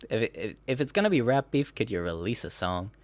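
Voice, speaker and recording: A man's voice: lowish voice, very animated, quick pace. A man hosting a podcast in casual chat, rambling and laughing as he breaks into mocking impressions. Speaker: podcast host.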